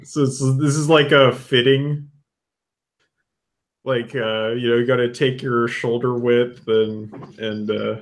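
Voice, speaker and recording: A man running a tabletop game as game master, relaxed and hesitant, with many fillers. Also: mid-range voice, slow pace.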